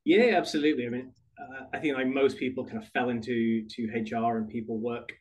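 A British man, a podcast guest, talking through his career in a relaxed, rambling conversational way. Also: medium pitch, fairly quick, rough recording. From United Kingdom. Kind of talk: conversational interview.

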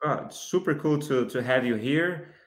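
A man's voice: medium pitch, moderate pace, reverberant. A man hosting a podcast, reading an intro and then asking questions with some hesitation. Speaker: podcast host.

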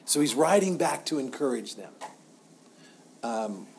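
A middle-aged man teaching as a pastor in an informal, halting, conversational way, often repeating himself. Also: medium pitch, big pitch swings, creaky, slight background noise.

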